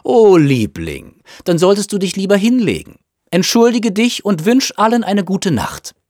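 A man's voice: sits high, huge pitch swings, a little slow, a little mellow, no echo, studio quality, pitched above the performer's own voice, heavily acted. A man voicing a snobbish, self-absorbed upper-class mother who chatters in a gushing, fussy way. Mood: fussing.

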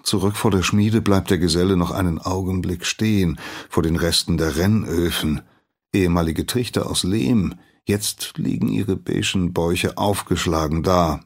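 A man narrating a scripted story in a measured storytelling manner. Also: low-pitched.

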